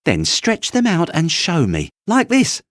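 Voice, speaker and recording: A cocky young male rabbit from a children's storybook, acted out by a man. The voice is pushed high and swings about, with a boastful, needling edge and brisk delivery. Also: huge pitch swings, no echo, clean studio sound. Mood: mocking, excited. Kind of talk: bedtime storybook character voice.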